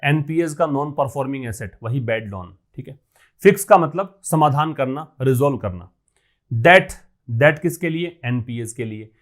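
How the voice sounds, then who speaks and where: A man teaching English vocabulary in Hindi, asking questions and answering them himself, reading English phrases slowly. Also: medium pitch, lively intonation. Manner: asks questions and answers them himself, repeats key words; mixes Hindi with English terms. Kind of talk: explaining a newspaper editorial in class.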